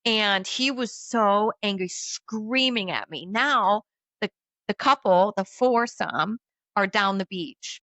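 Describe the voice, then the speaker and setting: A woman telling a dramatic personal story in casual chat, animated and acting out the voices of others. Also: medium pitch, takes it slowly, dry recording, dull audio. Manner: animated, acts out quoted voices.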